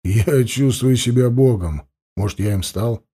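A man's voice: mid-range voice, a little slow, warm tone, husky. A man voicing a stubborn, defiant teenage boy in an audiobook. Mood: cocky. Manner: sulky, defiant.

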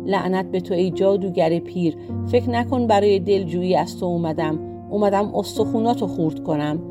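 A woman's voice: on the low side, music in the background, close to an everyday voice. A woman voicing a brave, defiant young prince in a storybook reading, speaking boldly. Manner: bold and defiant.

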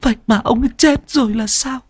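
A man's voice: very high-pitched, quick pace, husky, no room sound, studio quality, voice pushed up. A man voicing a grief-stricken, middle-aged mother in an audiobook, speaking in a bitter, pleading, reproachful way. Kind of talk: audiobook character voice.

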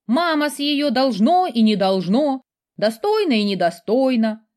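A woman voicing a lively, spirited young princess in an audiobook. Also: fairly high pitch, measured pace, pitched above the performer's own voice. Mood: exasperated. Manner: lively, playful, exasperated. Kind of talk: audiobook character voice.

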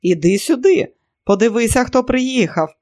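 A man voicing a lively young woman who gushes and calls out loudly. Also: sits high, moderate pace, no echo, studio quality, lightly acted. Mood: gushing. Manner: loud calling out.

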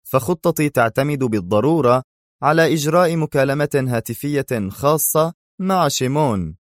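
A man voicing a calm, mocking male spy hero in an audiobook thriller, speaking with a cool edge. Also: medium pitch, moderate pace, no echo, clean studio sound, pitched above the performer's own voice, close to an everyday voice.

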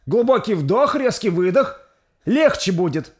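A man's voice: high-pitched, big pitch swings, unhurried, pitched above the performer's own voice. A man doing a stern old midwife. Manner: blunt shouted commands.

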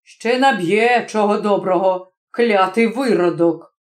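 A woman's voice: medium pitch, roomy sound, natural voice. Woman doing a muttering stubborn village man. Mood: grumbling. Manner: slow muttering to himself. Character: grumbling middle-aged village man, stubborn and sly.

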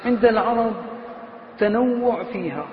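A man's voice: high voice, lively intonation, moderate pace. Man teaching grammar, stretches out example words, chants verses, asks the class questions, dull recording with faint hiss. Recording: echoey hall, slightly dull sound, faint noise.

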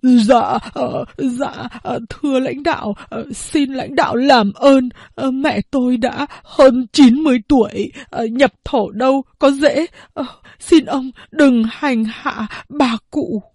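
A woman voicing a poor aging peasant man who weeps, stammers and begs, her breathy voice pitched high and strained. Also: slow pace, few pauses, a little mellow, no echo, clean studio sound, heavily acted. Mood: pleading. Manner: sobbing, stammering with many hesitations.

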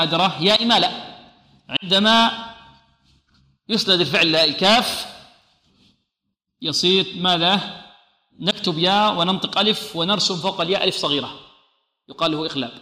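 A man teaching Quran recitation rules. He asks questions and answers them himself, drawing out sounds slowly to demonstrate them. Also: high-pitched, pushed and bright. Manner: slow drawn-out demonstration of sounds. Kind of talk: tajweed lesson. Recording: echoey hall with long reverb.

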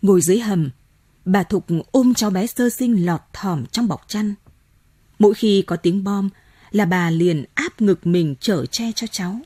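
A woman narrating a novel as an audiobook in a steady, measured storytelling manner. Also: medium pitch, slightly rough, no room sound. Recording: dry close mic, faint music.

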